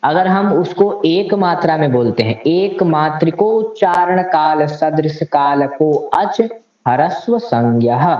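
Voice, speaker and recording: Slow, deliberate male grammar teacher. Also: fairly high pitch, darkish tone. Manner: slow and deliberate, reciting Sanskrit grammar rules. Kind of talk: lecture. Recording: echoey, slightly dull room recording.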